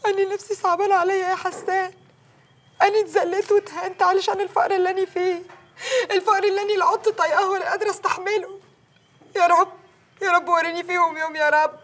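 A poor, lamenting village servant. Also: female voice, very high-pitched. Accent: Egyptian Arabic. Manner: lamenting, praying, pleading. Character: poor downtrodden village servant woman, pleading.

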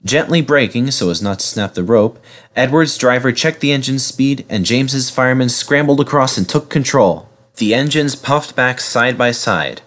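A man narrating a children's storybook aloud in a lively, expressive way. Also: mid-range voice, moderate pace. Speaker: reader.

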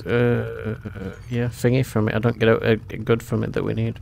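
A man's voice: lowish voice, little pitch movement, moderate pace, gravelly, a little mellow, slight background noise. A man chatting casually while playing a co-op survival game, reacting to loot and lag as he goes. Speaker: gamer streaming co-op play. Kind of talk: casual gaming chat.

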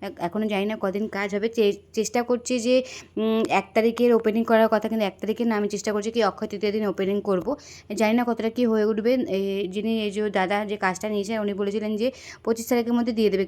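Fast-talking chatty woman vlogger. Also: medium pitch, level tone, a little mellow. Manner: chatty, rambling with restarts. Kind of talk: casual vlog narration. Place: outdoors near a busy station at night.

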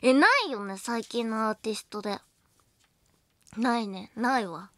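A woman's voice: a little high, a little slow, fairly bright tone, no room sound. A young woman hosting a late-night radio show, chatting casually and playfully, giggling often and teasing herself. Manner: acts out both sides of a mock argument. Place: radio studio. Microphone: studio microphone.

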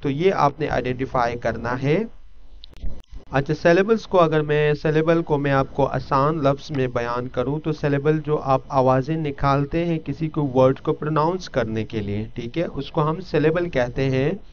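A man's voice: a little high, moderate pace, a little hiss or hum. Man teaching English syllable stress. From Pakistan. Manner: explains step by step, often adds a checking filler. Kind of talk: explanatory lesson. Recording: dull lo-fi recording.

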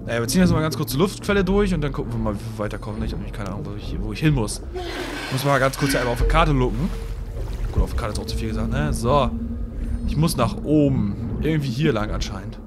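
A man's voice: medium pitch, expressive, quick pace. A man giving casual, slangy let's play commentary, grumbling at the game and sometimes whispering along. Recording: game audio with noise behind. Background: game sounds.

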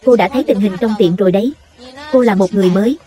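A woman reading a voice-over for a dubbed drama, voicing every part in a steady read-out delivery. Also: mid-range voice, fast talker. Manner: steady read-out delivery across all parts.

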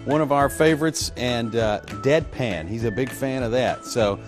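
A man's voice: mid-range voice, moderate pace. A male morning show anchor in a TV studio, flustered and stumbling in a newsroom blooper. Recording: loud music bed under studio speech.

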